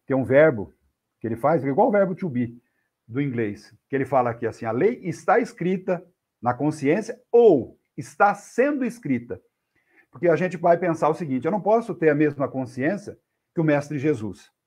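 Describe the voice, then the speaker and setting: A man's voice: mid-range voice, darkish tone. A Brazilian Portuguese-speaking man giving an earnest devotional talk, often checking in with the audience. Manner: earnest storytelling, frequent "né?" checks. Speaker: spiritist lecturer.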